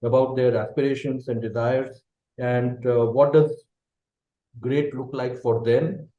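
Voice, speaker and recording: In an echoey room where the highs are cut off, a middle-aged Bengali-speaking Indian managing director gives considered answers in an interview, regularly checking in with a brief "okay." His Indian English comes in a warm, mid-range voice with fairly even intonation.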